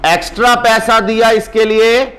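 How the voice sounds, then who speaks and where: A male accounts teacher in a brisk exam-prep lecture, teasing and urging his students on. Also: high-pitched, fairly even intonation, fairly bright tone.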